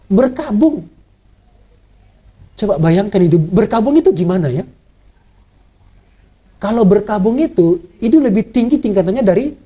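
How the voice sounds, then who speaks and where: A man's voice: very high-pitched, dark tone. A male pastor preaching an Easter sermon, repeating phrases and putting rhetorical questions to the congregation.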